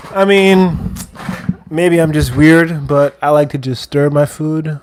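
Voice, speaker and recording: A man's voice: fairly high pitch, fairly even intonation, unhurried, a little mellow. Laid-back man chatting while cooking. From Wheaton, Illinois, USA. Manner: laid-back, reads viewer comments aloud and answers them. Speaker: livestream host. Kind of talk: casual livestream chat while cooking. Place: kitchen, indoors.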